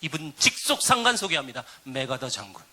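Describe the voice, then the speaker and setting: Bright, lively-pitched man preaching. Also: fairly quick. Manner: lively storytelling preacher, dropping to hushed tones for quotes. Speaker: pastor. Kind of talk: sermon.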